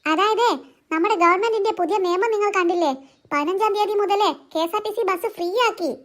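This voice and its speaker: A woman's voice: very high voice, a little fast. A woman voicing a bickering, sarcastic housewife in a cartoon. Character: nagging, sharp-tongued cartoon housewife.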